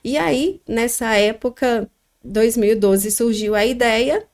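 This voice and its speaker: A middle-aged woman with a Minas Gerais accent, telling her story as a podcast guest, reflective and pausing often with fillers. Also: on the high side, darkish tone. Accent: Minas Gerais Brazilian Portuguese. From Minas Gerais, Brazil. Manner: reflective, pauses with frequent fillers. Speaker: guest, restaurant founder.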